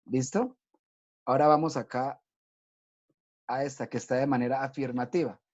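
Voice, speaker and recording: A man gives a recorded English lesson to children, patient and methodical, checking often that they follow. His voice is mellow and dark. The recording sounds dull and lo-fi. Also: medium pitch, fairly even intonation, normal speed. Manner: patient, explains step by step, checks in with "¿listo?". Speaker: English teacher. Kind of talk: recorded online class for children.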